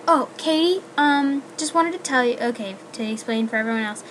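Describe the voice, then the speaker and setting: Chatty young woman, slightly high voice. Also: animated, moderate pace, fairly bright tone, slight background noise. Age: young adult. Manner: rambling, full of "like" and "um". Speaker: student vlogger. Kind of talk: casual chat to camera.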